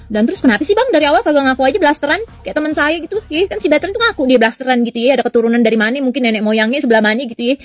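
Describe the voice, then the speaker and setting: High, very fast woman, teasing commentator, dry close sound. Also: dry recording, faint music behind. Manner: teasing, mocking. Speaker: content creator commenting.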